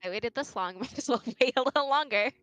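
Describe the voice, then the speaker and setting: A woman's voice: a little high, fast talker, a bit bright, clear, resonant tone, dry recording, soft background music, low-quality recording. A woman streamer chatting casually and joking while playing a visual novel. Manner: joking, laughs easily. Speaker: game streamer.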